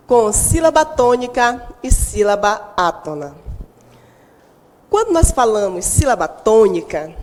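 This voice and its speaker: Lively high-voiced Brazilian woman teacher. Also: long reverb tail. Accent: Brazilian Portuguese. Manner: emphatic, stretches out stressed syllables, quizzes absent pupils. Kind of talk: recorded online lesson for sixth graders.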